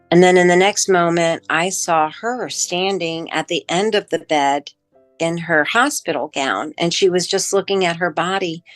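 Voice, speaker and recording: Middle-aged woman, deep-set voice, unhurried, heartfelt personal testimony, dry close sound with soft music behind. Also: no room sound. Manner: emotional, halting with pauses and fillers. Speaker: near-death experience witness.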